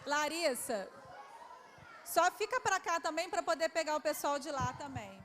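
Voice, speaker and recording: Brazilian woman historian, very high voice, coaxing quizmaster for kids, long hall reverb. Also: lively intonation, a little slow, fairly bright tone. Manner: affectionate, coaxing, calls children "my love". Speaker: historian hosting a quiz for schoolchildren. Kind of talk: lively quiz with children at a public event. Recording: reverberant hall, faint background noise.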